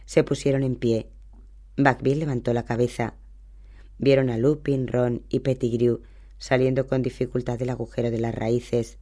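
A man reading a novel aloud as an audiobook narrator, in steady, even storytelling. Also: mid-range voice, moderate pace. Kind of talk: scripted narration.

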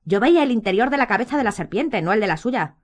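A woman's voice: a little high, expressive, fast, pitched above the performer's own voice. An impatient teenage wizard boy, read by a woman in a storybook, pushing his questions with urgency and a slightly raised voice. He sounds eager and restless. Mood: urgent.

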